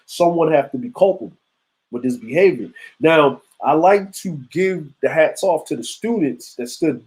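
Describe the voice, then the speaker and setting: A man's voice: mid-range voice, warm tone, rough recording. Laid-back man in his forties chatting live. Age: 40s. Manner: loose and conversational, street slang, frequent asides to chat. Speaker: show host. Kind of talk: casual live-stream commentary.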